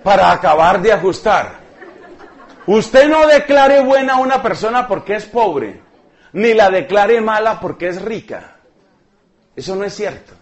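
Lively high-voiced preacher. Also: male voice, measured pace, muffled recording. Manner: lively, joking, emphatic preaching with repetition. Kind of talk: sermon.

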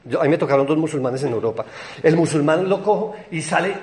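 A young Colombian man telling a personal anecdote in a rambling, excitable way. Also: on the high side. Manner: excited, rambling, quick storytelling with laughs.

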